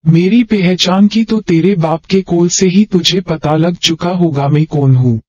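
A man voicing a cold, dangerous young mafia husband who speaks flatly and threateningly. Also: high voice, measured pace, dry recording. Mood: cold, menacing. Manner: flat and threatening, softening to coaxing. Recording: dull, dry audio.

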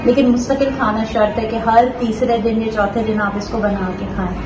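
A woman's voice: a little high, steady tone, normal speed. A young woman, chatting casually through a recipe vlog with lots of fillers, recorded on a camera mic a few feet away at home. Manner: chatty, gestures a lot while talking, many fillers. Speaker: cooking vlogger. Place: home kitchen and dining table, indoors. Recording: echoey kitchen with noise.

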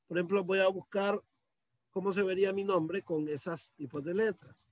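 A man's voice: high-pitched, steady tone, moderate pace, dry recording. A male teacher walking students through a computer task step by step, patiently, on a video call. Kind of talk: screen-share computer lesson. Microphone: computer mic on a video call.

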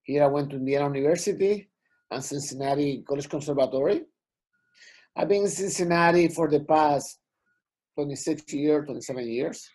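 Middle-aged Puerto Rican-accented man, mellow, husky, rambling with fillers, video call. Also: on the high side, moderate pace. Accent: Puerto Rican Spanish-accented English. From Puerto Rico. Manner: rambling, many "you know" fillers. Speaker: guest musician.

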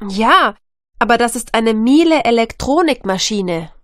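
Seller in a course dialogue, high voice, slow, dry studio sound. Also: female voice, expressive, a bit bright, dry recording. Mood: persuasive selling. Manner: slow, clear speech. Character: woman selling a washing machine. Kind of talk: scripted textbook dialogue.

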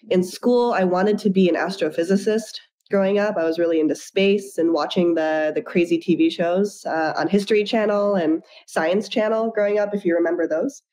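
A young woman founder speaks on a webcam video call from a room at home, her voice low for a woman and mellow in tone. She tells her story in an upbeat, fluent way as the guest of an interview. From Japan and the United States.

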